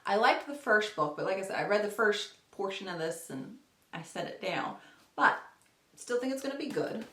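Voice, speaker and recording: Speaking at a moderate pace with lively intonation and a sharp, medium-pitched voice, a woman vlogs casually about books. The recording is echoey and roomy, and she rambles and corrects herself often.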